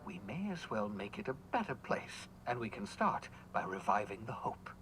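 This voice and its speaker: An actor playing an eccentric, rambling colony scientist in a video game, offhand and darkly cheerful. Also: male voice, on the low side, sing-song, moderate pace, fairly bright tone, a little hiss or hum, low-quality recording. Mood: scheming. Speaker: game character.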